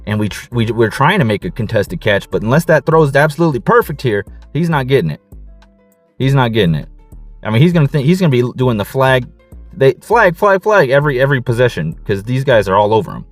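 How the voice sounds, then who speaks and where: Excited man breaking down game film. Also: mid-range voice, fast talker, no room sound, faint music behind. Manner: excited, repeats catchphrases, casual slang. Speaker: football coach and film analyst.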